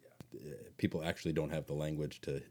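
A man hosts an interview in a relaxed way, affirming his guest and following up with careful questions. His voice is very deep and mellow. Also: fairly quick. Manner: attentive, affirming, asks probing follow-up questions. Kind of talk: casual interview.

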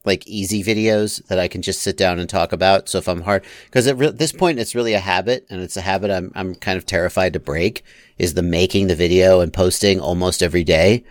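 A man guesting on a casual podcast, talking in a smooth radio voice with a relaxed, joking manner. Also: low voice, fairly quick, no echo, studio quality. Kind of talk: casual chat.

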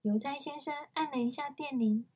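A woman reading a picture book aloud to her toddler at home, gently stopping to explain things to the child. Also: high-pitched, a little fast. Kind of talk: storybook reading to a young child.

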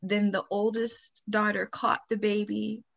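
A woman co-hosting a podcast in casual chat, telling stories with lively laughs and lots of "like" and "you know.". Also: mid-range voice, unhurried, gravelly. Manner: chatty, animated storytelling with frequent laughs; frequent fillers like "like" and "you know". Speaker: podcast co-host.

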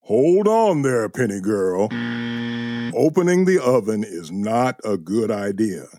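A man voicing a gentle male bear who calmly explains safety rules to a child in a children's show. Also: fairly low pitch, dry recording, studio quality. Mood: patient. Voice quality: slow, calm explaining. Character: gentle male bear friend, patient teacher.

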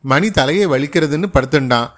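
A man voicing a tearful young wife who haltingly pleads her innocence in a story reading. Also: on the high side, a bit bright. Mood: pleading.

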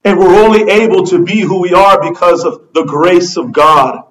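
A man's voice: high-pitched, fairly even intonation, normal speed, fairly bright tone, poor audio. A man preaching a sermon as pastor, passionately acting out the pleading prayers of his listeners.

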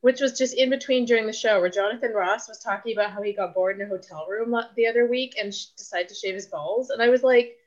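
Brief: young Canadian woman, guest on a casual podcast, rambling and chatty, fairly high voice, muffled lo-fi sound. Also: fast, few pauses. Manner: chatty, rambling, lots of fillers. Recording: dull lo-fi audio.

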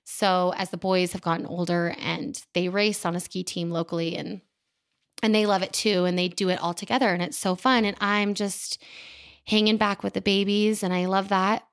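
A woman in her thirties hosts a podcast, speaking straight into the microphone. Her voice is smooth and resonant at a middle pitch. She talks in a candid, chatty way and pokes fun at herself. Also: fairly even intonation, normal speed. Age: 30s. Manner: candid, chatty and self-deprecating. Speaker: podcast host. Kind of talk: casual personal monologue. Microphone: studio microphone.

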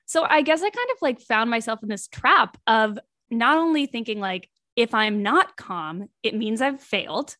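A woman's voice: fairly high pitch, lively intonation, moderate pace, pushed and bright, no room sound, clean studio sound. A young woman in her twenties on a podcast panel, talking candidly and reflectively, with many likes. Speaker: podcast panelist, grad student. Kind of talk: casual podcast chat.

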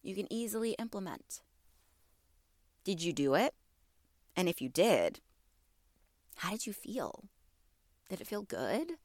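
A woman in her thirties hosts a wellness podcast, speaking a little slowly in a sing-song, mid-range voice and pausing often. Allergies give her a slightly congested, stuffy sound. She's casual, warm, and encouraging, asking listeners questions, and the recording is clean studio sound with no room noise.

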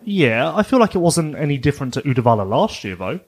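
A man's voice: on the high side, sing-song, fast, husky. A man co-hosting a podcast in casual chat, teasing and laughing easily. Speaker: podcast co-host.

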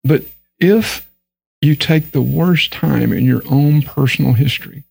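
A man from Texas, with the accent to match, speaks unhurriedly in a slightly high, gravelly, husky voice that is a little mellow. The recording is dry and of low quality. Appearing as a candid panel guest, he is earnest and emphatic and sometimes voices the people he quotes.

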